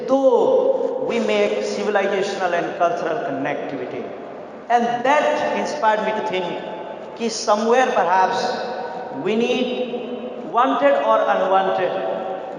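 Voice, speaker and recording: A man from Nepal speaking, giving a formal, measured talk as a literary critic on a festival panel. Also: high-pitched. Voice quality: measured, deliberate delivery with pauses. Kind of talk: formal conference speech. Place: large conference hall. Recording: very echoey hall, faint noise.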